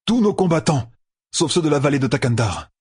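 A man's voice: on the high side, very animated, a little fast, darkish tone, breathy edge, no room sound, clean studio sound, pitched above the performer's own voice, full character voice. A man reading an audiobook voices an exhausted, stubborn young lord who presses with insistent questions. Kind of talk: audiobook character voice.

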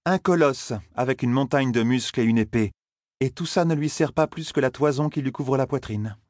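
A man's voice: medium pitch, moderate pace, darkish tone, dry recording, studio quality, close to an everyday voice. A man voicing a stern, powerful older woman who leads an order of sorceresses, with a cool, condescending and mocking manner.

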